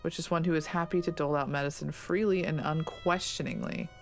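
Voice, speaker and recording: Polite guarded manor guest, measured and courteous, mystery game character, voiced by a streamer in their own voice, faint music. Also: medium pitch, fairly even intonation, creaky, natural voice. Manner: measured, courteous, read aloud from game text.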